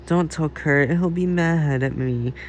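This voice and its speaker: A man voicing a clumsy, cheerful teenage girl in an amateur fan story reading, halting over his words. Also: on the high side, a little hiss or hum, natural voice. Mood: pleading.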